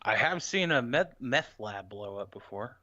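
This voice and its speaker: A man's voice: medium pitch, animated, measured pace, sharp tone, no echo, muffled recording. A man chatting casually as a podcast co-host, telling rambling stories with many fillers. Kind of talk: casual chat.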